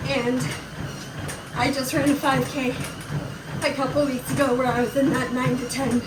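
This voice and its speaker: Running on a treadmill, a woman talks to her viewers in a casual, encouraging and reassuring way. Her voice sits high with a level tone and moderate pace, captured by a distant mic in a roomy space with loud machine noise.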